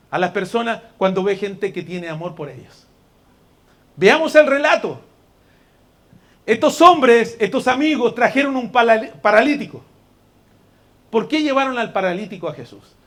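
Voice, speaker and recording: High-voiced pastor preaching with fervor. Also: male voice, big pitch swings, unhurried, long pauses. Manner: swings from soft, intimate asides to loud, shouted exhortation; addresses listeners directly as brother and dear one. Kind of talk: sermon. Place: church.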